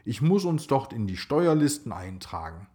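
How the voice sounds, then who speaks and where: A man telling a children's story, voicing a calm husband gently urging his wife on. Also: medium pitch, normal speed, natural voice. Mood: gentle.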